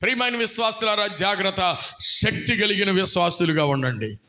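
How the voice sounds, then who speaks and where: A male pastor delivers a fiery sermon in a high, bright, ringing voice. He breaks into shouts at the peaks and acts out the people in his stories. The tone stays forceful throughout. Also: lively intonation, brisk. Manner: fiery preaching, shouting out bursts and acting out voices. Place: church hall.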